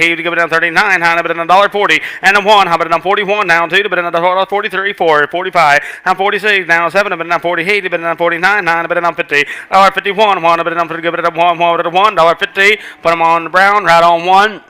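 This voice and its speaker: A man's voice: a little high, sharp tone, smooth. A man working as a livestock auctioneer, calling bids in a rhythmic rolling chant that repeats numbers.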